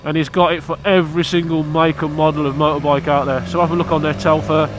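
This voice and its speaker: Against a noisy background, a British motorcycle vlogger talks fast to camera outdoors about his motorbike, his slightly high voice showing little pitch movement. Stuffy from hay fever, he's casual, blunt, cheeky and rambling.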